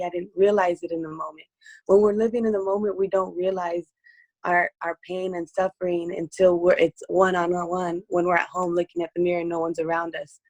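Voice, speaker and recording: A woman with a hoarse, strained voice, speaking earnestly as an interview guest giving personal testimony. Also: lowish voice, dry recording, rough recording.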